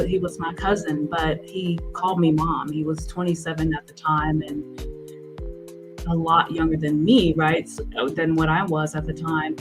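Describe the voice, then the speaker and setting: A woman in her forties, a guest in an interview, telling her story earnestly with halting restarts. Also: on the low side, poor audio. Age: 40s.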